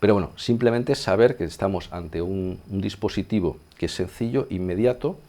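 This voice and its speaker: This sound engineer has a deep, dark voice, a Castilian accent from Spain and a moderate pace. He demonstrates a synthesizer step by step in a relaxed, conversational tutorial, regularly checking in with his listeners, with the synth's sounds audible behind him.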